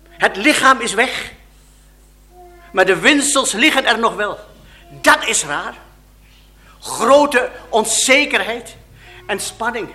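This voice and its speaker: Male preacher, slow deliberate delivery, expressive dramatic sermon storytelling. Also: very high-pitched.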